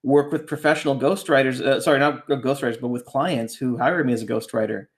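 Reflective rambling man in mid pitch. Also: steady tone, a little fast. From Canada. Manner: reflective, rambling, keeps asking "right?". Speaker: ghostwriter guest. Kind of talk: casual podcast conversation.

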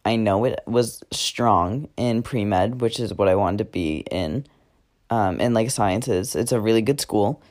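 A teenage guy records a casual diary podcast at home late at night. His voice sits on the low side. He rambles, fills pauses with "um" and "like", and often backs up to correct himself. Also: darkish tone. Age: teens. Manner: rambling, many fillers and self-corrections. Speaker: podcast host.

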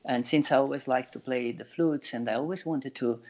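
This forties-aged meditation teacher and flute maker speaks at a normal speed with a plain, slightly mellow voice. His casual interview answers are thoughtful, built on everyday examples and full of restarts.

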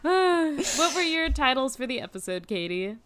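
A woman in her late twenties with a high, bright voice that swoops up and down, co-hosting a podcast. She is playful and laughs often. Her banter stays casual. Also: unhurried. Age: 20s. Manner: playful, laughing, lively intonation. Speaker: podcast co-host. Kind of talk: casual chat.

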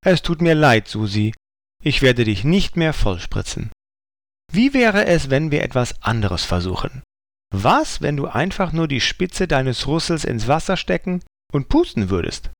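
A man's voice: on the high side, big pitch swings, unhurried, dry recording, studio quality. A man voicing a playful young female hippo, in a children's storybook reading. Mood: apologetic.

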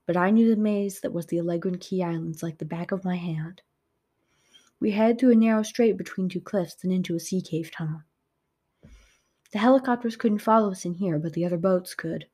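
A woman narrating a first-person adventure audiobook in a lively, expressive way. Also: fairly low pitch, breathy edge.

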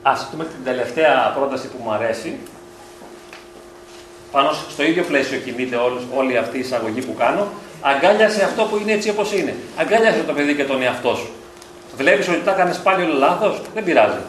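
A man with a slightly high voice gives a reflective lecture to parents and often asks them rhetorical questions. He is recorded from a distance in a school hall with heavy echo. Faint noise sits under his voice. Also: expressive. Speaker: psychologist. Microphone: distant from the mic. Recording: echoey hall from far off.

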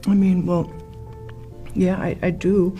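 A woman's voice: lowish voice, flat delivery, slow pace, mellow, faint music behind. An actress playing a friendly, apologetic woman who stammers and is eager to please. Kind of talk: scripted skit acting.

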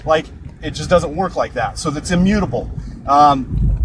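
Breathless high-voiced man teaching casually. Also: animated, moderate pace, noisy background. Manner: casual, self-correcting explainer. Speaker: trading course instructor. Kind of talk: informal livestream talk.

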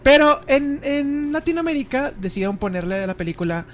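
A woman with a Mexican accent co-hosting a comedy chat, joking, expressive and swearing casually. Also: sits high, brisk, slight background noise. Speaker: podcast co-host.

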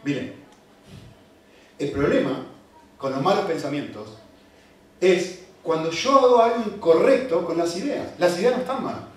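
A male preacher delivers a sermon with a high, swooping voice and emphatic repeated refusals. He sounds set back from the mic in a very reverberant hall, with faint room ambience behind him. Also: normal speed, pauses often, recorded from a distance. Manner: animated, emphatic repetitions of "no".

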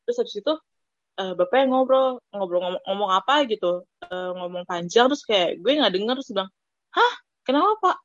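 A young woman co-hosting a casual podcast, telling embarrassing stories in an animated way and laughing through the punchlines. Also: medium pitch, fairly quick, no echo, lo-fi sound. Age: young adult. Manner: animated storytelling, laughs into her own punchlines. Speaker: podcast co-host. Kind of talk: casual chat.

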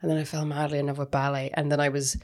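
A woman's voice: low voice, level tone, racing, a little mellow. A young woman with a west of Ireland accent, telling stories casually and chattily as an interview guest. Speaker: interview guest, dancer and performer. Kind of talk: casual conversational storytelling.

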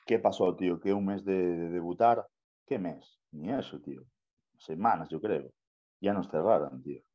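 A young bodybuilder from Spain, speaking with a Spanish accent, tells his story as a guest in a casual interview. His low voice moves at a moderate pace on lo-fi audio. He's slangy and swears often, tagging lines with "tío" and "¿sabes?".

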